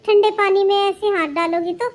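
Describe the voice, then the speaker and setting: A woman's voice: extremely high pitch, steady tone, moderate pace. A woman voicing a caring older sister-in-law who lectures her relative with advice. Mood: advising. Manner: advising, lecturing tone.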